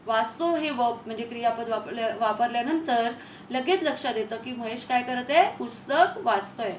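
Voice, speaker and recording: A woman teacher giving a grammar lesson, repeating key phrases slowly and asking her pupils questions. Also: on the high side, animated. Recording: echoey room, faint ambient noise.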